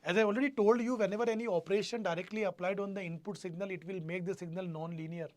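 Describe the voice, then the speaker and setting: A man's voice: high voice, fairly even intonation, quick pace, dry recording. A man with a North Indian accent teaching a live online exam-prep class, repeating himself and prompting students with questions. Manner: repetitive, question-prompting, addresses students directly.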